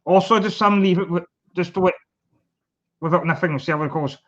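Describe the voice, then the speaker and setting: A man hosting a casual video call, easygoing and agreeable, chipping in with quick yeahs. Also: high voice, highs cut off. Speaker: host.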